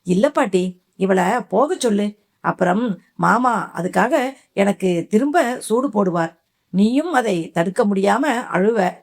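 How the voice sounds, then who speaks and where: A woman's voice: mid-range voice, lively intonation, slow. A woman voicing a frightened, feverish young woman pleading in panic in an audiobook.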